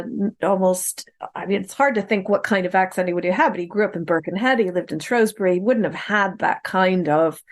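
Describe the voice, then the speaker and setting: Animated woman in casual film talk. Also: fairly low pitch. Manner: animated, acts out quoted lines; many fillers and restarts. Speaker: podcast discussant.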